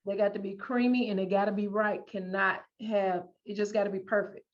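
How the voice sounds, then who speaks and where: A woman's voice: medium pitch, little pitch movement, fairly quick. Teasing woman host, muffled sound. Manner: teasing, familiar. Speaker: sports show host. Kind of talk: casual chat.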